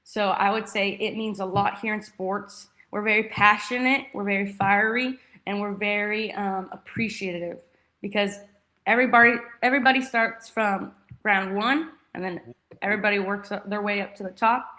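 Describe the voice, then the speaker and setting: The recording is rough, but this young Texan's mid-range voice comes through pushed and bright, fairly even at normal speed. A former college soccer player, she chats enthusiastically and effusively as a casual interview guest.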